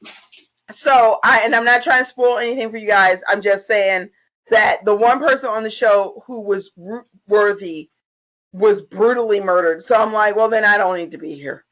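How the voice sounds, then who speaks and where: A woman's voice: medium pitch, normal speed, a bit bright, low-quality recording. A tipsy woman co-hosting a casual review chat, swearing freely and repeating herself emphatically as she gives her opinions. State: tipsy, getting drunker. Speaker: podcast co-host.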